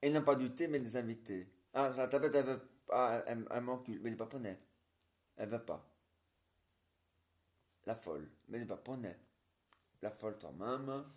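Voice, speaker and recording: A man hosting an improvised comic sketch, rambling through mumbled asides and clearing his throat. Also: mid-range voice, a little fast, pauses often. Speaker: comic puppet show host.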